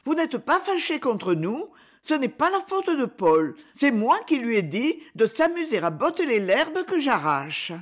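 A woman's voice: high-pitched, big pitch swings, a little slow, voice pushed up, heavily acted. A woman doing an anxious pleading boy. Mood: worried. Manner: pleading, earnest. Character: gentle young boy, anxious and caring.

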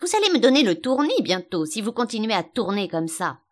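Lady putting on a grumpy old sheep shopkeeper, storybook voice, high and loud and bossy, always snapping. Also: very animated, a little fast, natural voice. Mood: brusque. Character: cross old female sheep shopkeeper knitting.

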